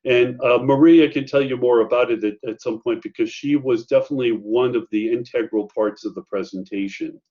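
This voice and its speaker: A man's voice: medium pitch, fairly even intonation, fairly quick, few pauses, a little mellow. Chatty man leading an online training. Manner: conversational, many fillers and asides. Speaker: workshop presenter. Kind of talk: online faculty training talk. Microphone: video call. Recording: muffled video-call audio.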